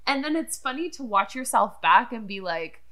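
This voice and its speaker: A woman's voice: fairly high pitch, lively intonation, moderate pace, sharp tone. A young woman co-hosting a podcast in casual chat, very informal, with a Valley Girl way of talking. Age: young adult. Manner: informal, peppered with "like". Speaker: podcast co-host.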